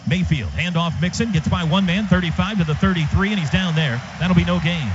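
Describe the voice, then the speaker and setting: Calling a football game live on radio, a high-voiced man speaks briskly in short, urgent bursts. Stadium noise comes through clearly behind him on a dull-sounding feed.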